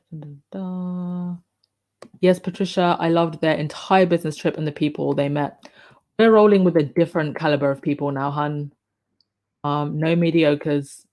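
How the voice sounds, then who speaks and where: Hosting a laid-back live stream, a croaky-voiced woman chats and reads out comments from viewers, stumbling into frequent ums and restarts. Her voice is low and somewhat dark in tone.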